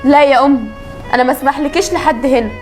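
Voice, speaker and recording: A wronged young wife, pregnant, proud but polite, acted by a woman in an Egyptian web drama. She speaks Egyptian Arabic very fast and high, in a pleading, defensive manner. Clear music runs underneath. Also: darkish tone, natural voice.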